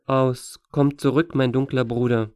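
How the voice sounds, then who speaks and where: Male audiobook narrator: measured, mid pitch, dry close sound. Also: flat delivery, darkish tone, clear, resonant tone, no echo. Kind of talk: scripted narration.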